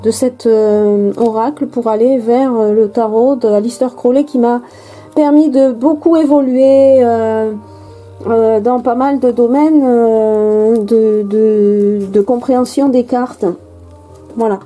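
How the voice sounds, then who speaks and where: A woman's voice: fairly high pitch, fairly even intonation, slow pace, warm tone, faint music behind, low-quality recording. A woman from France chatting casually and hesitantly while unboxing a card deck, with many fillers and restarts. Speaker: tarot and oracle card vlogger.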